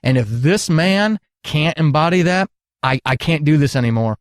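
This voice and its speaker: With lively intonation and a fairly high pitch at a moderate pace, a middle-aged podcast guest, a retired military counselor, tells long, candid, earnest stories and leans on emphatic phrasing. The sound is clean studio audio with no echo.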